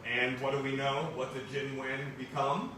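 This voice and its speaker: A man's voice: mid-range voice, level tone, moderate pace. A male teacher leading a classroom book discussion in a conversational way, often checking in with "right?". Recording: echoey classroom, far from mic, room noise.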